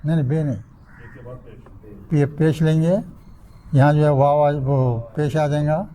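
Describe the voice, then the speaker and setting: The rough recording captures an older man from India whose voice is fairly high yet dark, with a level tone. He's giving a grammar class in a mosque, testing his students and sounding out word patterns one syllable at a time.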